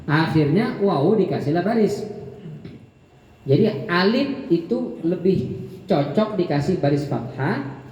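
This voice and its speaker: A man teaching Quran commentary in a joking way, slowly drawing out Arabic words and acting out short dialogues. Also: lively intonation, a little mellow. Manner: jokey, acts out dialogue with rising pitch. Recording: echoey hall, dull lo-fi sound.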